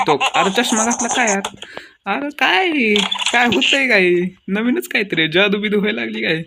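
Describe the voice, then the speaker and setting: A young man with a gravelly, fry-edged voice rattles off excitable, crude, comic gameplay commentary. He scolds and exclaims at the screen constantly. Steady background noise sits under his voice. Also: high voice, normal speed.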